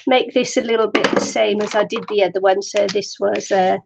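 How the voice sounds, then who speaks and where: With a slight hiss or hum in the background, an older woman from the Welsh borders hosts a casual zine tutorial stream, rambling, self-deprecating, and laughing often. Her medium-pitched voice is creaky and steady in tone, and she talks briskly.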